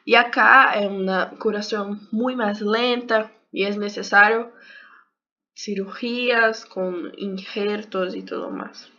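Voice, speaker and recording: Her voice is medium-pitched and steady, bright and forceful, and she speaks slowly. She's a young woman with a Brazilian Portuguese accent, a native Portuguese speaker and health sciences YouTuber, giving a casual video lesson in a second language while hesitating and searching for words. The recording sounds dull and lo-fi.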